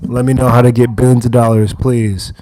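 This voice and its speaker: A man's voice: medium pitch, flat delivery, brisk, dark tone, a little hiss or hum. A man from the American Midwest hosting a casual livestream from a kitchen, reading viewer comments aloud and answering them in a laid-back way. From Wheaton, Illinois, USA. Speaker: livestream host. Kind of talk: casual livestream chat while cooking. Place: kitchen, indoors.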